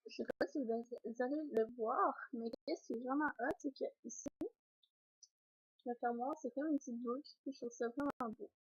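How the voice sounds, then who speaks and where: A woman's voice: a little high, steady tone, a little fast. A young woman with a Québécois French accent, hesitant and full of fillers, casually unboxing beauty products in a home vlog. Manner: hesitant, frequent fillers and throat clearing. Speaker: beauty vlogger. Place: home, indoors by a sunny window. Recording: dull lo-fi home video.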